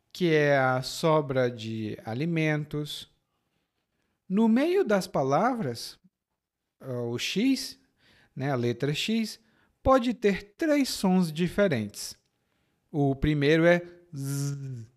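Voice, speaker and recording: A man from Ceará with a Brazilian Portuguese accent from that state, teaching a podcast lesson and spelling out example words slowly and carefully. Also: fairly high pitch, a little mellow. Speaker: language teacher.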